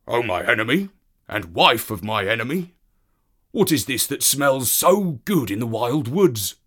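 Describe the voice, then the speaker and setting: A man's voice: mid-range voice, big pitch swings, a little slow, a bit bright. A man playing an eager wild dog. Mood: curious.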